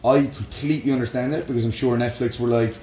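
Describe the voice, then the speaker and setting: A man with a medium-pitched, steady, mellow voice co-hosts a podcast at a quick pace, chatting casually and with strong opinions about games and films. The recording has a roomy echo with music playing underneath.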